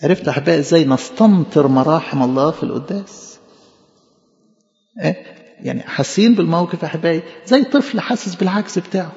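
Egyptian guy giving a sermon, rapid and pleading, raised voice, dull lo-fi sound with long church echo. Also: a little high, gravelly, a little mellow. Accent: Egyptian Arabic. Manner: impassioned, pleading, repeating phrases for emphasis. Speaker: preacher. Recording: echoey hall, dull lo-fi sound.

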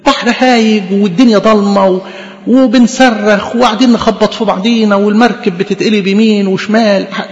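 Fast, high-voiced Egyptian preacher in a reverberant hall. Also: male voice. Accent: Egyptian Arabic. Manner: impassioned, addresses listeners as beloved. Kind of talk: sermon. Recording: dull lo-fi recording with long reverb.

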